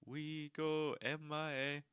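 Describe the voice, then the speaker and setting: A man imitating a flat, robotic caster voice, speaking in slow, clipped, monotone words. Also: a little high, clear, resonant tone, no echo. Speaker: streamer co-watching a match.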